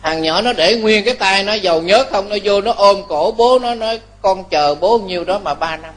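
Nhà sư giọng cao, giảng pháp sôi nổi. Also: male voice, sits high, moderate pace, slight background noise. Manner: lively storytelling, chuckles, asks listeners to agree. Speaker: Buddhist monk preacher. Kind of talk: Dharma talk sermon.

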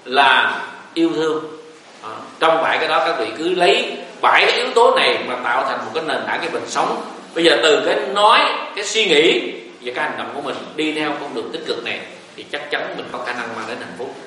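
A Buddhist teacher delivers a joking, folksy dharma talk, his emphasis rising and falling. His voice is on the high side, expressive and fast with a sharp tone. He sounds distant in an echoey room, with faint hiss on the recording.

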